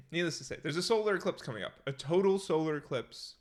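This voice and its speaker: A man's voice: fairly high pitch, animated, a little fast. Canadian man in casual podcast chat. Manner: laughs often, playful storytelling. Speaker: podcast co-host. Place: home room.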